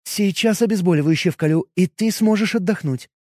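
A man's voice: sits high, fairly quick, dark tone, dry recording, clean studio sound, voice pushed up. A man voicing a frightened young woman. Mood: caring. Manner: anxious, urgent, near tears. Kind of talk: audiobook character voice.

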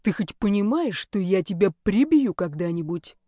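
A woman's voice: mid-range voice, animated, a little slow, warm tone, dry recording, studio quality, close to an everyday voice. A woman voicing a stern, furious young male sorcerer who speaks in a cold, clipped, threatening way. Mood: menacing.

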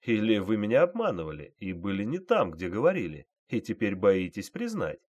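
A man voicing a calm male interrogator who speaks in a measured, insistent way, in an audiobook reading. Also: fairly low pitch. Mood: probing.

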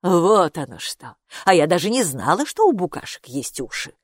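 Woman voicing a brisk nosy neighbor lady. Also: on the low side, big pitch swings, breathy edge, dry recording, clean studio sound.

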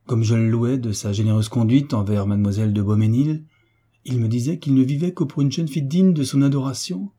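A man reading the part of an older hunchbacked marquis who speaks in a measured, sorrowful way in a storybook reading. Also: medium pitch, mellow, breathy edge, close to an everyday voice. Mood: grave. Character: kindly older hunchbacked marquis, grave and protective.

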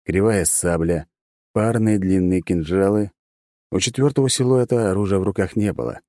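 Low, dark-voiced male narrator. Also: no room sound, clean studio sound. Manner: steady, first-person storytelling. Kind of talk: audiobook narration.

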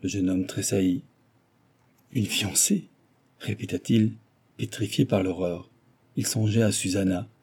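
Male audiobook narrator, dramatic storytelling, husky, dark timbre. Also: sits low, steady tone, normal speed. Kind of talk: reading a novel aloud.

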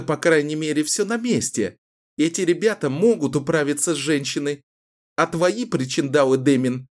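Man doing a fierce young woman, high and mocking, taunting her captor, audiobook. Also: lightly acted. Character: defiant, furious young woman captive. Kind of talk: audiobook character voice.

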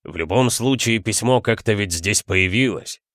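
A man voicing a stern, impatient aristocratic count with a gruff manner. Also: lowish voice, normal speed, fairly bright tone, no room sound, studio quality.

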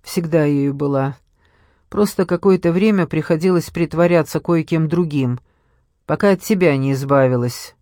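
A man's voice: on the high side, moderate pace, a little mellow, no echo, clean studio sound, lightly acted. A man voicing an anguished worn-down woman. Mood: defiant. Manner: strained, pleading.

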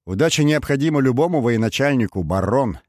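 A man's voice: mid-range voice, animated, a little fast, a little mellow, no room sound, studio quality, voice pushed up, lightly acted. A man voicing a serious, confident male military commander in an audiobook, with an assured manner.

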